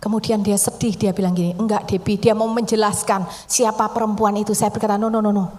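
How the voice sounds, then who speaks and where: A young woman preacher with a lilt delivers a sermon like she's telling a story to friends. Her voice sits at a middle pitch, and she often sinks to a hushed near-whisper to drive a point home. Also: flat delivery, a little fast. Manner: conversational storytelling, dropping to soft near-whispers for emphasis.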